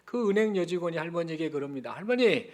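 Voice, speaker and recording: A male pastor delivers a Sunday sermon in a church sanctuary. His voice sits a little on the high side. He speaks in a storytelling manner and keeps turning to address the congregation. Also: expressive, normal speed.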